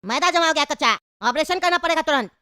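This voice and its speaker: A woman playing a steady, explaining man doctor, loud noise behind. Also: sits high. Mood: calm. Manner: explaining, measured. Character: calm adult male doctor.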